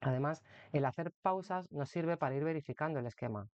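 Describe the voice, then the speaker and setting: Male instructor, slightly high voice, explanatory lesson, muffled close recording. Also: brisk, a little mellow, dry recording. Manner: explanatory, uses rhetorical ¿no? often. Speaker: course instructor for teacher exam candidates. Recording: dry, dull lo-fi recording.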